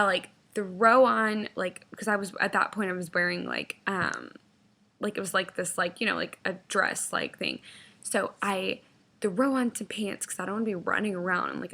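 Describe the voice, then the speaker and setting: A woman's voice: mid-range voice, pushed and bright. A young woman with a twang spins a wild story straight to her viewers. Her talk is loose and unscripted, packed with "like" and the odd curse word. She sounds like she's chatting with friends over coffee. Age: 20s. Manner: chatty, lots of "like" fillers, swears freely. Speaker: vlogger. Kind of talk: casual storytelling to camera.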